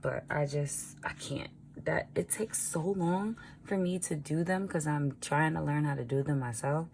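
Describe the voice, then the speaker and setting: A woman with a raspy early-morning voice, chatting informally as a vlogger while she writes out a budget. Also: sits low, a little slow, darkish tone, a little hiss or hum. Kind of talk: casual budgeting vlog narration.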